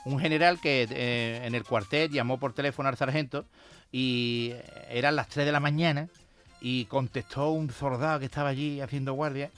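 A man telling jokes on a radio show, acting out voices and laughing loudly. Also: medium pitch, normal speed, clean tone, faint music behind. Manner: animated joke teller, acts out voices, laughs loudly. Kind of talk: casual radio chat with joke telling.

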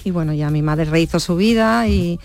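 A middle-aged woman from Barcelona, a guest in a radio interview, talking haltingly and laughing between sentences. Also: on the low side, darkish tone, soft background music.

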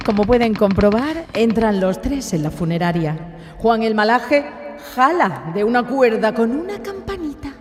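A woman's voice: on the high side, expressive, moderate pace. A woman narrating a comedic radio sketch. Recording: hall reverb, faint music.

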